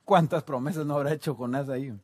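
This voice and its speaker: High-voiced man preaching with rising fervor. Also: quick pace, no echo, clean studio sound. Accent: Guatemalan Spanish. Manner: swings from quiet reflection to loud shouted climaxes. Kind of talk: sermon.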